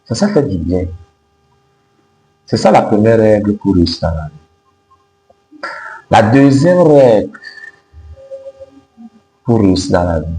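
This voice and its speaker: Slow-talking man. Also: on the low side, sing-song, dark tone. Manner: emphatic, repetitive, didactic. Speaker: self-help video host. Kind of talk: motivational advice to camera. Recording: roomy echo with faint noise and hum.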